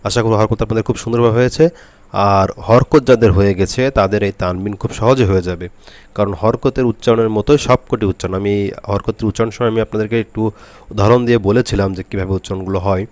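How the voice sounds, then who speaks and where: A man teaching a Quran reading lesson, speaking slowly and repeating each letter drill aloud. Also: fairly low pitch, fairly even intonation, a little mellow, dry recording. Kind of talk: spoken lesson to camera.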